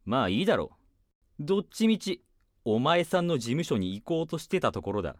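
A woman playing a pompous, gruff, quick-tempered male mouse police inspector in an audio drama, imperious and blustering. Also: very deep voice, sing-song, dry recording, clean studio sound. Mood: grave, gruff.

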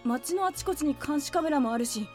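A woman's voice: high voice, lively intonation, fairly quick, darkish tone, faint music behind. A woman playing a polite, timid young boy in an audio drama, acting and narrating in the first person. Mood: earnest, anxious.

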